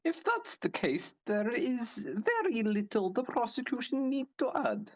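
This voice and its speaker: A woman's voice: on the high side, big pitch swings, measured pace. A woman voicing a haughty, arrogant young female prosecutor, speaking in an imperious and mocking way while reading a game aloud with voices.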